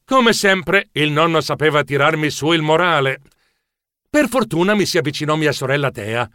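A man narrating a children's story in an animated, expressive way. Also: fairly high pitch, normal speed, dry recording, studio quality. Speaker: audiobook narrator.

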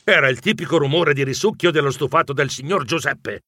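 Expressive male audiobook narrator, fairly high and bright, storybook read. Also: a little fast, dry recording, clean studio sound. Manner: expressive, animated.

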